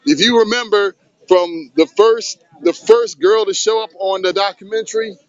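Man, vlog host, high voice, loose streetwise banter, outdoors on a beach, dull phone recording. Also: fairly even intonation, moderate pace. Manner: loose, hyped streetwise talk. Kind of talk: casual handheld beach vlog. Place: outdoors on a sunny city beach. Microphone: handheld phone camera.

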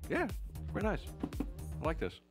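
A man in his forties hosts a casual live-stream chat, joking as he reads product descriptions aloud. His voice sits a little high, picked up by a headset mic in a small studio. Faint music plays underneath. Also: huge pitch swings, moderate pace. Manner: jokey, reads product copy aloud with laughs. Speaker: show host. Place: small studio room with posters and string lights.

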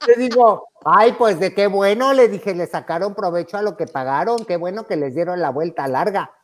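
A woman with a Mexican accent tells a story to friends. She talks in an easy, casual way. She acts out each quoted voice and breaks into laughter often. Her voice sits at an ordinary middle pitch. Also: moderate pace. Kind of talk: casual anecdote among friends.

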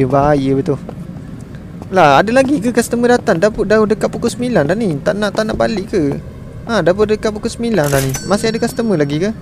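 Man, Malaysian Malay accent, casual game commentary, a bit high voice, faint background noise. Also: a little mellow. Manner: chatty, exasperated, talks to the game and viewers. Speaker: game streamer.

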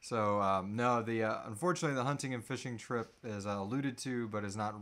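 This co-host of a live Q&A is a man in his thirties, joking around in casual conversation from a couch in a small indoor room. His voice is lowish and brisk, and the background is noisy.

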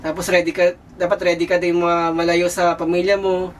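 A young man who works in a cruise ship kitchen, answering interview questions casually and hesitantly, searching for words with many pauses and fillers. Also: high-pitched, level tone. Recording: distant mic with faint background noise.

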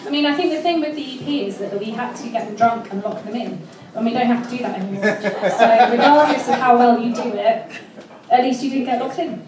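A woman's voice: on the high side, brisk, crowd noise. A woman from a folk band joking with the audience between songs in a live club, picked up from a distance. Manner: jokey, laughing. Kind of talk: onstage banter between songs. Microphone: stage mic, distant. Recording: echoey room from far off, audience.

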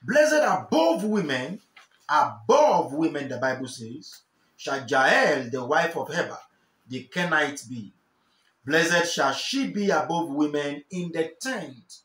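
A young Nigerian man preaches with fervour, his high voice rising and falling in wide sweeps. He repeats his key lines for emphasis. The sound carries the echo of a small bare room. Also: animated, takes it slowly, fairly bright tone. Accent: Nigerian English. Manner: fervent, repeats key phrases, gestures while preaching. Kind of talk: sermon to camera. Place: small indoor room, seated in armchair.

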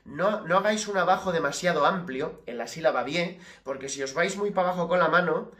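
A man teaching an acoustic guitar lesson, explaining step by step, checking in often and speaking rhythm syllables slowly. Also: fairly high pitch. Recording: loud guitar playing behind voice.

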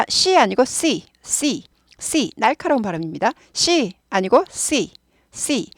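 A woman's voice: fairly high pitch, dry recording, clean studio sound. Woman drilling English pronunciation. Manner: patient, repeats words for drilling. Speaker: English teacher. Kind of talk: online English lesson.

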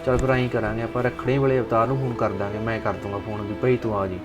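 A man's voice: on the low side, flat delivery, quick pace, close to an everyday voice. A young man with an Indian Punjabi accent plays a husband comforting his wife in a village family drama. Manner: reassuring, soothing. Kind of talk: village web drama acting. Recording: background music under dialogue.

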